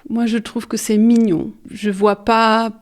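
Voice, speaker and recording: A woman's voice: a little high, little pitch movement, takes it slowly. A German woman with a German accent, co-hosting a podcast and chatting in an easygoing, opinionated way. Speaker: podcast co-host. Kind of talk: casual chat.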